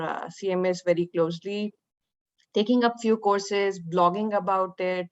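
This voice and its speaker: A woman introducing herself as a digital strategist on a video call, talking with many fillers and repeats. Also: lowish voice. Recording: dull, muffled call audio.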